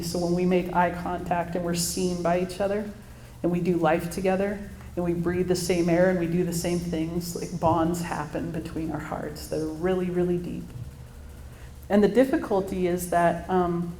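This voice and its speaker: Woman in her thirties, low-ish voice, warm storytelling talk, echoey hall with faint room noise. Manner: earnest, storytelling, laughs now and then. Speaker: speaker at a mother-daughter church event. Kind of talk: personal faith talk to an audience.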